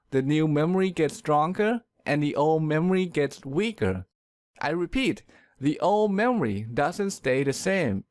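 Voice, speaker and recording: A man giving a scripted pronunciation lesson, explaining clearly and demonstrating words with exaggerated stress. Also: fairly high pitch, darkish tone, no room sound, clean studio sound. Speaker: pronunciation teacher. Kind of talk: scripted instructional narration.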